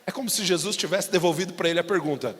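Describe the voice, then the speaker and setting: A man from Brazil with a São Paulo accent, preaching a sermon as pastor, dramatically acting out biblical dialogue and rising to shouts. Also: sits high, rapid-fire. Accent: São Paulo Portuguese. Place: church hall. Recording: long church hall reverb.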